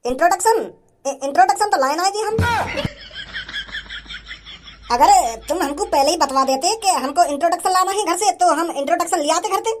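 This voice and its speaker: A boastful village thug swaggers through a cartoon, as a woman puts him on. He stammers, chuckles and brags, and the voice sits very high for a man. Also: fairly quick, music in the background. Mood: sheepish. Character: boastful rustic male village thug, grinning. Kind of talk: cartoon voice acting.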